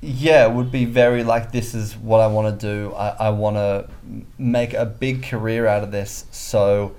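A man's voice: fairly low pitch, fairly even intonation, moderate pace, darkish tone. A young Australian man with a lisp, a podcast guest talking casually and hesitantly with lots of ums. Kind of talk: casual interview chat.

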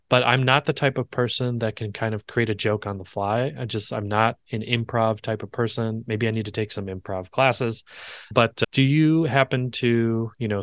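A man's voice: medium pitch, dry recording. A man hosting a podcast, talking things through in a thoughtful, rambling way with frequent restarts. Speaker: podcast host. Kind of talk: casual interview chat.

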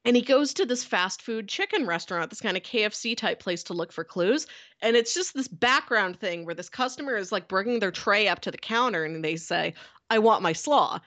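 A woman's voice: mid-range voice, lively intonation, fairly quick, fairly bright tone. A young adult woman co-hosts a casual podcast. She tells her story in a loose, chatty way and drops "like" into nearly every sentence. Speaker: podcast co-host. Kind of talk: casual chat.

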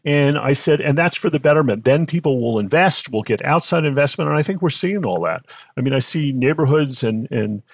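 Gravelly older man with a Boston accent. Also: fairly high pitch, lively intonation, a little fast, dry recording. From Boston, United States. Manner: discursive, repeats phrases for emphasis. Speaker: company founder being interviewed. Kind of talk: conversational interview storytelling.

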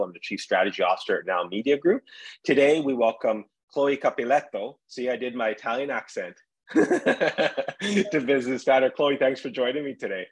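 Guy hosting a business chat, friendly, kinda husky, talks fast and restarts his questions. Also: mid-range voice, low-quality recording. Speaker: podcast host. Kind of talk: casual interview.

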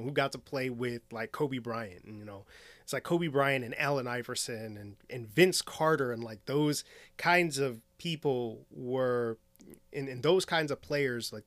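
A man in his late twenties from near Chicago, speaking in a halting, reflective monologue and filling nearly every phrase with "you know". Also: medium pitch, a bit bright, dry recording. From Northwest Indiana, near Chicago. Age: 20s.

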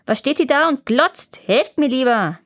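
A woman voicing a grumpy little old male dwarf in a storybook reading, snapping insults and shouting. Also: on the high side, moderate pace, close to an everyday voice. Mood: furious, shouting.

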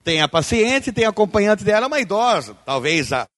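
A man with a bright, high voice tells stories in a Brazilian Portuguese accent, swinging his pitch widely. He acts out the dialogue and laughs often, like a speaker at a seminar. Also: sing-song, brisk. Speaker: speaker at a seminar, hospital clown. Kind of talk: storytelling talk.

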